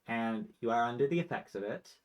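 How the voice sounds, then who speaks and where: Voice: medium pitch, a little fast, poor audio. Casual tabletop game master. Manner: casual narration with many fillers.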